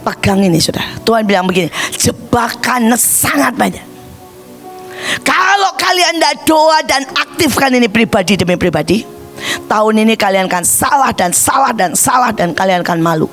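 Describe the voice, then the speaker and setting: An older woman evangelist preaching a sermon, impassioned, breaking into shouts and addressing the congregation again and again. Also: big pitch swings, normal speed, soft background music. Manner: high-pitched exclamations with wide swings.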